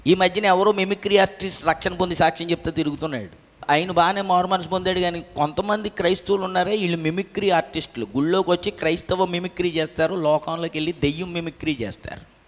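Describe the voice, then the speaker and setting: High-voiced pastor preaching in a hall. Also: male voice. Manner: preaching with rhetorical questions, rising to emphatic peaks. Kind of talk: sermon.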